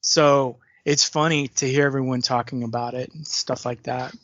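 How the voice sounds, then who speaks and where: A man hosts a podcast in loose, joking banter and pokes fun at himself. His voice sits at a middling pitch and sounds close and dry. The video call audio is a little muffled and lo-fi. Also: fairly even intonation, moderate pace, a bit bright, no echo. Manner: joking, self-mocking banter. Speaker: podcast host. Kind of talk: casual chat.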